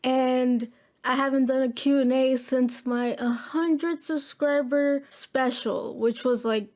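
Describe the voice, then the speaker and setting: A woman's voice: high-pitched, warm tone, a little hiss or hum. An upbeat woman, chatting casually through a Q&A vlog as a gaming YouTuber, with a slangy style. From Florida, USA. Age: 20s. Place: at home at her computer.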